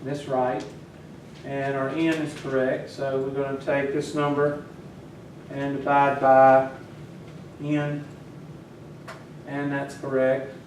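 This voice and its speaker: A man's voice: medium pitch, monotone, slow, pauses often. A man teaching a class and teasing his students as he works. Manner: teasing, talks to students while working. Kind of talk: classroom lecture. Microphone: far from the mic. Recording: echoey classroom from far off, faint noise.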